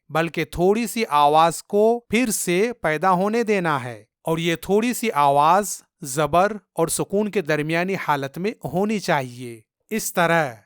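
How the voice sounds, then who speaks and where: Smooth-voiced man teaching Quran recitation. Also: fairly high pitch, no room sound, studio quality. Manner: patient, deliberate, repeats sounds for learners to copy. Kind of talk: step-by-step recitation lesson.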